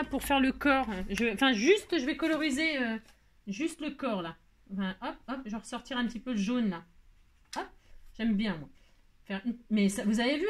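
A woman hosting a casual craft tutorial, chatting to viewers in a rambling, hurried, self-mocking way with many asides. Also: fairly high pitch, a bit bright.

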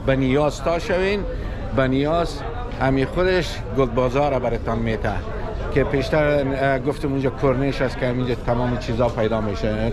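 A middle-aged man chatting to his camera as a travel vlogger, held at arm's length while he walks a covered market and talks with shopkeepers. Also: medium pitch. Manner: chatty, switching languages with shopkeepers. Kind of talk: casual travel vlog commentary. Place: covered market street, indoors-outdoors. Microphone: handheld camera at arm's length. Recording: crowded market chatter behind. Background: busy market crowd.

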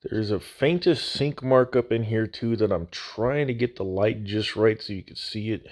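A man's voice: lowish voice, moderate pace, a little mellow. A man narrating a hands-on hobby tutorial in a casual, folksy, plain-spoken way, recorded on a slightly echoey phone mic. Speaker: host of a scale model building channel. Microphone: phone microphone.

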